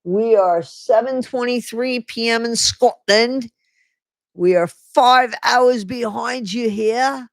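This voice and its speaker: A livestream host with a medium-pitched voice reads slowly, with no echo in the recording. Between passages of the book they read to viewers, they drop sarcastic, chatty asides and often go back to reread a line, in a casual live reading with commentary.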